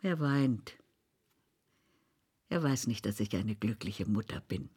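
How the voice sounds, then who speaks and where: A woman's voice: a bass voice, expressive, slow, dark tone, husky, full character voice. An actress playing a blunt, scolding older Sicilian mother in a radio drama. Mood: bitter. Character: Sicilian mother, older woman, sharp-tongued.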